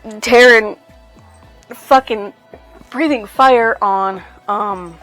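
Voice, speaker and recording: A woman's voice: fairly high pitch, extremely slow, a bit bright, soft background music. A woman reviewing a novel in casual chat, rambling with many fillers and swearing freely. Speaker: book reviewer.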